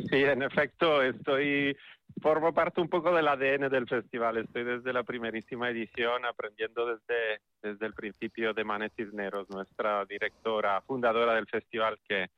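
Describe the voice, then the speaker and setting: A man's voice: mid-range voice, little pitch movement, moderate pace, dry recording, lo-fi sound. A man from Italy with an Italian accent, speaking as a festival spokesperson in a radio interview, thoughtful and often repeating words as he searches for them.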